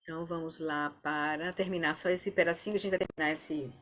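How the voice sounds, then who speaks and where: A woman teaching an online meditation class, explaining calmly and often checking in with her students. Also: low-pitched, fairly quick. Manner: calm, explanatory, often asks "né?". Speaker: Dharma teacher.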